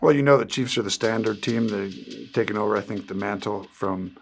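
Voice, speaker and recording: A man's voice: fairly low pitch, steady tone, fairly quick, vocal fry. A man offering unscripted sports opinion in an interview setting. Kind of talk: commenting in an interview. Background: faint music.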